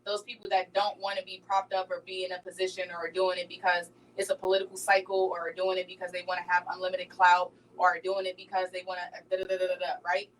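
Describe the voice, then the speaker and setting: A woman's voice: lowish voice, completely flat delivery, fast, hardly any pauses, far from the mic, a little hiss or hum, rough recording. A woman speaking as a talk show guest, passionate and emphatic, often checking in with "right?". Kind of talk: casual radio talk show chat.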